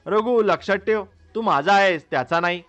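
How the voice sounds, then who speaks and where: A towering, menacing demon lord booms out his threats, as a man voices him. The voice sits rather high for such a monster, with soft music under it. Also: expressive, moderate pace, far from the mic, lo-fi sound. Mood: commanding. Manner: booming threats, roaring.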